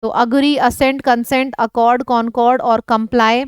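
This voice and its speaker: Female tutor, Hindi native, bright high smooth voice, patient vocabulary drill with frequent check-ins. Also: flat delivery, normal speed, dry recording. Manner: explains words in mixed Hindi and English, checks in often. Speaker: teacher. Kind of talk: online vocabulary lesson.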